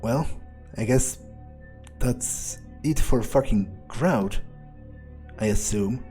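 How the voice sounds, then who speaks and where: Slow and warm, this medium-pitched man voices a character while streaming a video game. He mutters sardonically as he thinks aloud, packing in plenty of swearing, and game music runs underneath.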